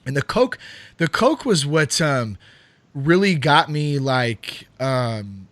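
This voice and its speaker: A man in his thirties hosts a podcast in a slow, expressive voice that sits on the high side and sounds a bit bright, with no echo. He talks loosely and rambles, swearing freely and leaning on plenty of fillers.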